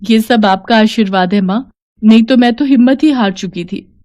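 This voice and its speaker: Woman plays a young daughter-in-law in a cartoon story, bright and emotional. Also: fairly high pitch, normal speed, close to an everyday voice. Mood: grateful. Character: young daughter-in-law officer, proud then remorseful.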